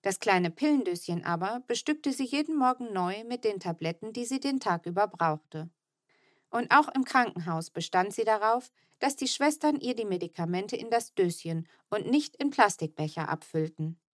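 A woman narrating a children's audiobook in an expressive, lively storytelling manner. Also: medium pitch, moderate pace, dry recording, studio quality.

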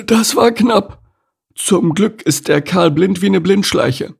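A man voicing a boastful young male jackal in a children's audiobook, squeaky and blustering. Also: takes it slowly, vocal fry, husky, heavily acted. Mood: cocky. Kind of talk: audiobook character voice.

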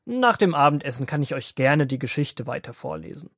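A man narrating as a grandfather figure, reading a Bible story aloud in a calm storytelling manner for a children's audio drama. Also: mid-range voice, fairly quick, dry recording, clean studio sound.

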